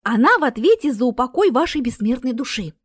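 A woman voicing a perky, cheeky young woman who speaks in bright, excited bursts. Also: high voice, fairly quick, breathy edge, no echo, studio quality, exaggerated voice. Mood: cheerful.

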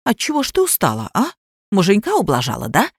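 A woman voicing a quarrelsome middle-aged mother who drinks, shrill and accusing, in a storybook reading. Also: wildly swooping pitch, fast talker, slightly rough, no echo, clean studio sound, exaggerated voice. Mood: scolding.

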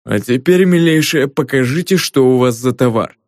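A man's voice: medium pitch, normal speed, a little mellow, dry recording, studio quality, natural voice. A man voicing a stern guard captain. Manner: stern, commanding. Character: stern, gruff male chief of the guards.

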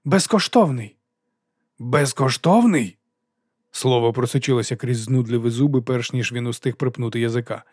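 A man reading a comic fantasy audiobook in an even storytelling voice. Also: mid-range voice, fast talker, few pauses, dry recording, clean studio sound. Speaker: audiobook narrator. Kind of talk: scripted narration.

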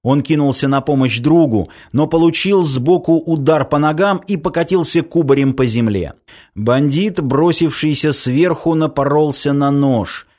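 A man narrating a dark action story in a measured, even scripted reading. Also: a little high. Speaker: audiobook narrator.

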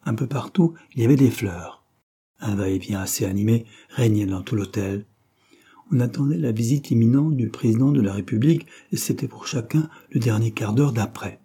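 A man narrating a romance novel in a measured, even storytelling manner. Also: medium pitch, husky. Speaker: audiobook narrator.

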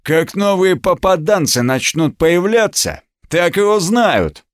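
A man's voice: high voice, very animated, takes it slowly, no echo, clean studio sound, voice pushed up, heavily acted. A man voicing a hostile, scornful gang leader who snarls threats in a menacing way. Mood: boastful.

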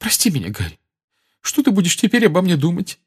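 A male audiobook reader voicing a distraught middle-aged mother who is crying and wailing in a high, breaking voice. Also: wildly swooping pitch, fast, husky, exaggerated voice. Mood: tearful. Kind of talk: audiobook character voice.

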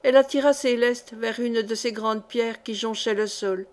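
A woman reading a historical novel aloud as an audiobook narrator, measured and expressive. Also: fairly high pitch. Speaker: audiobook reader. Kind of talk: scripted narration.

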